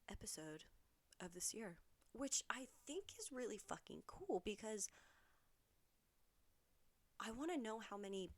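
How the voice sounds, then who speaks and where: A woman's voice: mid-range voice, fairly bright tone. A woman hosting her own podcast alone, chatting casually in a rambling, candid way with some swearing. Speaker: podcast host. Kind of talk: casual solo podcast chat.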